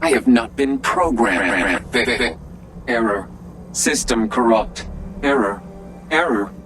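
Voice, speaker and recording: A stern, malfunctioning male security robot , voiced by a man, barks short orders and then stalls on repeated error messages. Its robotic, filtered voice sits at a middle pitch and moves at a slow, deliberate pace. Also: noisy background. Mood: glitching. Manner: clipped, flat commands. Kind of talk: video game dialogue.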